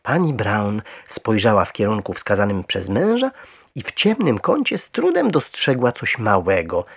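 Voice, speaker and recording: A man narrating a children's storybook in an expressive, lively way. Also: fairly low pitch, normal speed, husky.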